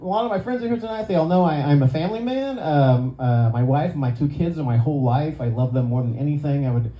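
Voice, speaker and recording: Older man doing stand-up, mellow voice. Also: a little high, fast talker. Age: 60s. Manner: self-deprecating punchlines, lively put-on voices for friends. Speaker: stand-up comedian. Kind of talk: stand-up set. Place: club stage before a live audience. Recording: echoey room, faint crowd ambience.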